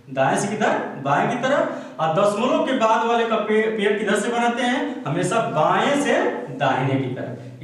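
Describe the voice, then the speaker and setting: Male math teacher, high voice, step-by-step classroom explanation, recorded from across an echoey room. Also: fairly bright tone. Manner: explains step by step, keeps checking with "theek hai". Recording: echoey room, speaker far from mic.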